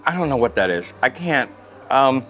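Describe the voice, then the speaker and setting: A man vlogging a family trip, talking fast and excitably while eating at a restaurant. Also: mid-range voice, soft background music, low-quality recording. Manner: fast-talking, excitable, talks with mouth full. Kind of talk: casual chat.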